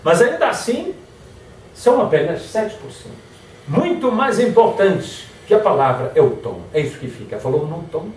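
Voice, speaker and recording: This is a motivational lecture by a man with a high voice at normal speed, with a little hiss or hum on the track. Lively throughout, he voices example phrases in shifting tones, heard distantly in an echoing hall.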